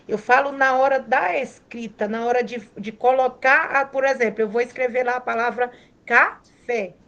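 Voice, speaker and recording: A woman's voice: sits high, dull audio. A woman student on a video call, earnest and hesitant, often repeating herself. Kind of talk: student speaking up in online class.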